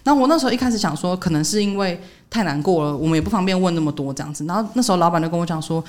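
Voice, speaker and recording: Fast-talking woman telling a story. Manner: animated retelling, voicing others' quotes with jumps in pitch. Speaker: podcast co-host. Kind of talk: casual storytelling chat.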